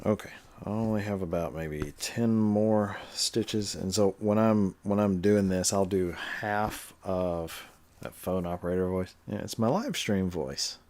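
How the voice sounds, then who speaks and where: A man's voice: deep voice, unhurried, a little mellow. A man casually chatting on a livestream while stitching, explaining his steps and answering the chat. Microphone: webcam livestream setup.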